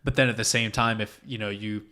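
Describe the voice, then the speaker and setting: A young man hosting a podcast, telling animated stories from his school sports days in casual conversation. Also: lowish voice, a little fast. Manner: animated storyteller, acts out quotes. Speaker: podcast host.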